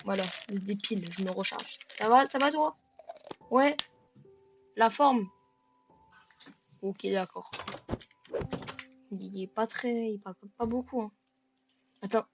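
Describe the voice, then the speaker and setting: A woman giving let's-play commentary in a joking way. She stammers and repeats words, and bursts into shouts at the game. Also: medium pitch, slow pace, long pauses, over music. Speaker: gaming video creator.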